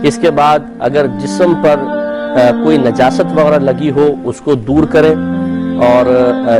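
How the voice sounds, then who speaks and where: A man hosting a call-in program, giving calm step-by-step religious instruction with occasional fillers. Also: mid-range voice. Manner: measured explanatory teaching with fillers.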